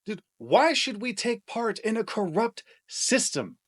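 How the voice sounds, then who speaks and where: A man's voice: high-pitched, sing-song, measured pace, voice pushed up, exaggerated voice. A man playing a dismissive, defeatist protest voter in a scripted political skit where he argues with himself. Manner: arguing with himself in a staged two-sided debate.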